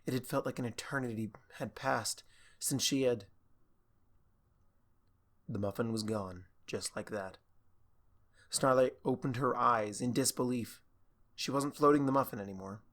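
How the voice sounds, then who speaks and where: A man's voice: medium pitch, a little slow, pauses often, a bit bright. Man narrating a fan fiction audiobook.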